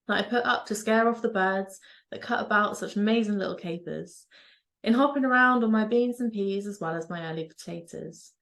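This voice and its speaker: A woman from Norfolk, a lecturer, giving a scripted presentation and reading in standard English. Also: medium pitch. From Norfolk, East Anglia, England. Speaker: university lecturer.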